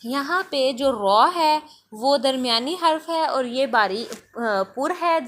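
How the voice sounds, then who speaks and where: A woman teaching Quran pronunciation, who says each syllable slowly and repeats it several times while she patiently explains the rules. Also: sits high, fairly bright tone. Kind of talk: slow tajweed lesson with drilled syllables.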